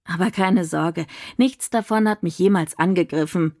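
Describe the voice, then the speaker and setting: A woman reading a storybook, voicing a bold young girl who is eager and quick to act. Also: on the low side, a little mellow, lightly acted. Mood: teasing.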